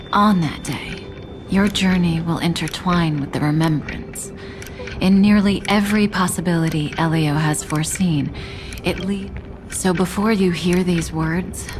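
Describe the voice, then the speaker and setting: A woman voicing an enigmatic, composed seer in a video game, speaking solemnly and softly, with some words breathed out in a whisper. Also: fairly low pitch, lightly acted. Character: enigmatic, composed female seer giving gentle guidance. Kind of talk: scripted game character acting.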